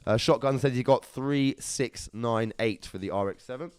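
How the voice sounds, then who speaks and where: A man's voice: mid-range voice, moderate pace, clean tone, dry recording. A young man, hosting a live competition draw in casual, upbeat chat, calling viewers lovelies and brother.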